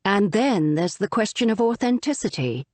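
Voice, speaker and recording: A woman narrates a nonfiction book in a measured, articulate way. Her pitch moves lively up and down through each sentence, and she sits on a close mic in a dry, dead room with no echo. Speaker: audiobook narrator.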